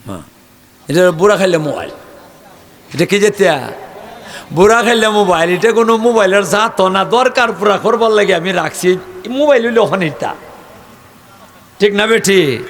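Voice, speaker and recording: An older man preaching a folksy, joking sermon, rising at times to shouts. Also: high-pitched.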